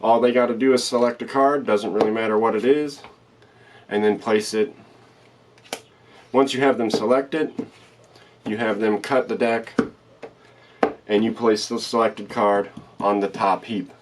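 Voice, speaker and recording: Low-voiced man doing card magician patter. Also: steady tone, unhurried, pauses often, noisy background. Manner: plain instructional patter, repeats steps. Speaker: card trick tutorial presenter.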